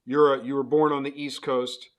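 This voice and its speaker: A man's voice: medium pitch, level tone, normal speed. A middle-aged man hosting a casual betting chat, rambling and restarting his questions as he talks. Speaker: host. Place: Las Vegas.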